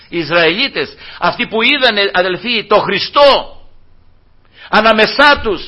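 A man preaching a sermon, addressing his brothers, acting out the dialogue of the people he tells about and chuckling often. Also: extremely high pitch. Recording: dull lo-fi recording.

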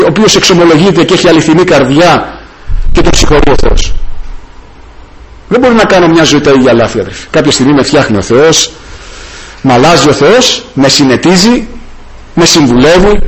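A man's voice: slightly rough, poor audio. A man preaching a sermon with passion, breaking into hallelujahs. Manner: impassioned, rising and falling pitch, many hallelujahs.

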